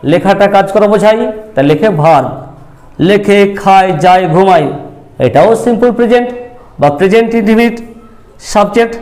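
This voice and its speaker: A man's voice: high voice, a little fast, a little mellow. A man teaching a grammar lesson. He keeps asking questions, answers them himself, and sometimes scolds a little. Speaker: English teacher.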